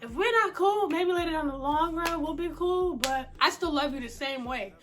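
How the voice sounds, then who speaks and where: A young woman telling a personal story in a blunt, animated, slangy way, swearing freely. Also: sits high, normal speed, soft background music. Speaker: vlogger. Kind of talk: casual storytime vlog.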